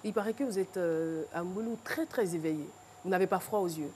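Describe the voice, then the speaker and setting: A woman's voice: fairly low pitch, a little fast, mellow, slight background noise. A woman hosting a TV studio show, interviewing a guest and welcoming the next one with energy. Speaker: TV show host. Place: TV studio with audience.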